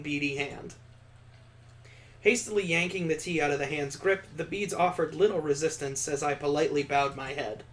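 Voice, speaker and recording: A man narrates a visual novel during a gaming playthrough, his voice slightly high. It's a let's-play read-aloud where he switches between the prose and casual, wry jokes of his own.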